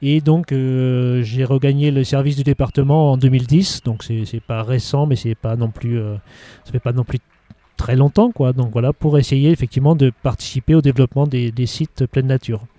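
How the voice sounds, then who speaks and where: A middle-aged man from Haute-Savoie, France, works as a local government official overseeing outdoor sites and answers interview questions hesitantly, restarting often. His voice is medium-pitched, steady and dark, at a moderate pace in a dry recording.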